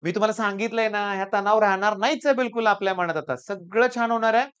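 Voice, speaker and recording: A man's voice: high-pitched, steady tone, quick pace, a bit bright, clear, resonant tone. A man with a Marathi accent giving an earnest motivational talk to students as their tutor, often repeating "I tell you".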